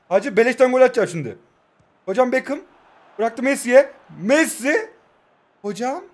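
Man, twenties, from Turkey, high-pitched voice, gaming commentary, joking self-mockery, excited play-by-play. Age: 20s. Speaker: mobile football gaming YouTuber. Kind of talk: live gameplay commentary.

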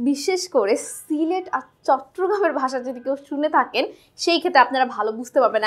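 A woman from Bangladesh teaching a school textbook chapter in a chatty way, often checking with "right?". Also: sits high.

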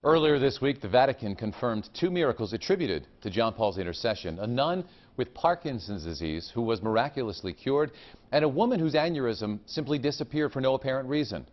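A man reporting a local TV news story in a measured, formal delivery. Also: medium pitch, lively intonation, lo-fi sound.

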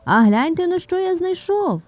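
A woman's voice: sits high, huge pitch swings, moderate pace, a little mellow, soft background music, voice pushed up. A woman voicing a hardworking, cheerful rooster in an audio fairy tale, calling out in a sing-song way. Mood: calling, eager. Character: hardworking cheerful rooster, patient then stern.

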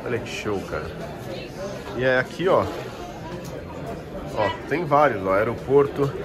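A Brazilian man, a toy collector who vlogs, speaks a little slowly in a medium-pitched voice with a Brazilian Portuguese accent. He chats casually in slang as he walks around a busy toy convention, recording on the move while crowd chatter hums around him.

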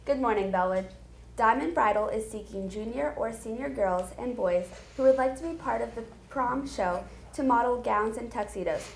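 A woman reading morning announcements over a school intercom in an even, businesslike way. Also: fairly high pitch, moderate pace, creaky, roomy sound, a little hiss or hum. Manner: reads a list of notices in an even, businesslike way.

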